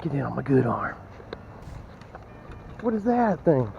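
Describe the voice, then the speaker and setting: A man's voice: mid-range voice, sing-song, unhurried, vocal fry, muffled recording, background noise. A man vlogging as he metal detects on a sand beach at dawn, chatting to viewers and often exclaiming. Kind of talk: casual narration to camera while detecting.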